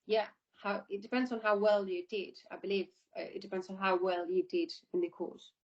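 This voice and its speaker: An air traffic controller, a woman with a mid-range voice, gives informal, explanatory answers about her work in an interview over an online call. She speaks fairly quickly with fairly even intonation and often repeats herself. The call audio is dull and lo-fi.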